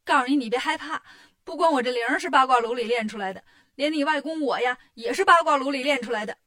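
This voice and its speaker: A woman's voice: high-pitched, lively intonation, a little fast, a bit bright. A woman voicing a boastful, cheeky male monkey king hero in a storybook tale, teasing and playful. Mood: cocky. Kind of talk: storybook character voice.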